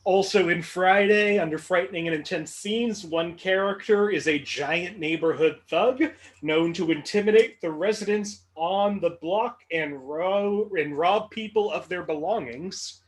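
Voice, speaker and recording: A man's voice: high-pitched, a little slow, hardly any pauses. A man hosting a movie trivia game show, reading clues with dry, mock-serious humor.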